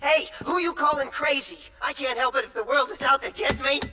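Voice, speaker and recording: A man's voice: very high voice, fairly quick, music in the background. An actor playing a paranoid, eccentric man living inside a computer in a video game, nervous and manic. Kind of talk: animated video game acting. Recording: clearly noisy game soundscape behind.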